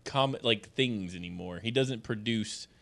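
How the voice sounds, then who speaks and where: A man's voice: lowish voice, measured pace, creaky, a bit bright. A man co-hosting a podcast in casual, joking chat, rambling and laughing often. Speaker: podcast co-host.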